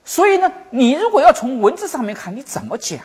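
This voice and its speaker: A Buddhist teacher giving a teaching talk, telling old stories, acting out the masters' words, and slowly repeating and explaining key phrases. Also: high-pitched, big pitch swings, a little mellow. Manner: storytelling, acting out quoted masters.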